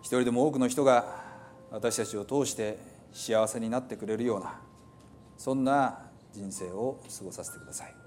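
A pastor leading a slow, reverent spoken prayer in a soft voice. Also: male voice, mid-range voice, a little hiss or hum.

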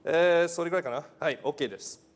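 A man whose first language is not Japanese, preaching a church sermon in a halting, light-hearted way, with many fillers and self-deprecating humor. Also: on the high side.

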